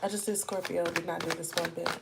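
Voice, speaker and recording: A woman with a slightly low voice gives a live tarot reading and talks straight to her viewers. Her tone is loose and chatty, and she calls them y'all and baby. Steady background noise sits under the recording. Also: fast, vocal fry. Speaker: tarot reader.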